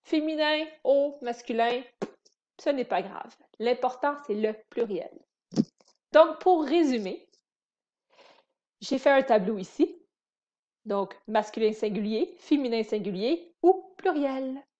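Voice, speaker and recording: Slow, patient woman teaching grammar. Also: on the high side, animated, mellow, lo-fi sound. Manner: patient, spells and repeats words for learners. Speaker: French teacher. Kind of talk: slow explanatory grammar lesson.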